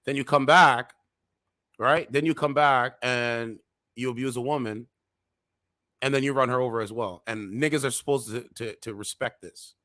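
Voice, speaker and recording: This is a man in his thirties doing reaction commentary on his channel. His talk is heated and preachy, and he breaks into loud outbursts. His voice sits at a middle pitch and sounds close and dry, with no room in it. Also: fairly even intonation, normal speed, no echo. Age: 30s.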